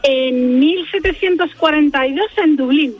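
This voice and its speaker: A woman's voice: high voice, measured pace, muffled recording, faint music behind. A woman calling in over the phone to a radio show, giving polite, brief and slightly hesitant answers. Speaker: radio caller. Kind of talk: quiz answers on a call-in show.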